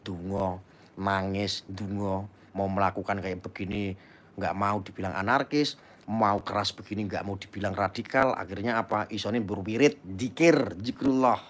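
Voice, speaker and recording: A man speaks in a casual live-stream chat, his voice sitting fairly low. He talks fervently and preaches at his listeners, pressing them to act. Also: steady tone, moderate pace. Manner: fervent, preachy, urging viewers. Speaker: YouTube channel host.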